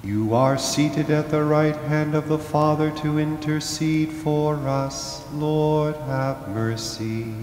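A man leading Mass as priest, slowly intoning and chanting the liturgy, his voice carried by a cathedral echo. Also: fairly high pitch, steady tone, a little mellow. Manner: slow, measured, intoning. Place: large church. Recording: echoey church hall with faint music.

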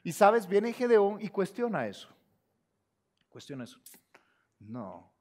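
A man preaching a sermon as a pastor, asking the congregation rhetorical questions and swinging between loud and soft. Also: high-pitched, big pitch swings, slow. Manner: addresses listeners directly, asking rhetorical questions.

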